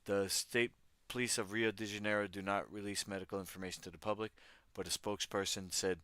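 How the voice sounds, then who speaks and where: A man's voice: deep voice, fairly bright tone, no room sound. A man hosting a livestream, reading news stories aloud and riffing on them with wry, irreverent asides to his chat. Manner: reads articles aloud, then riffs on them. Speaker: livestream host. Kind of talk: casual news commentary.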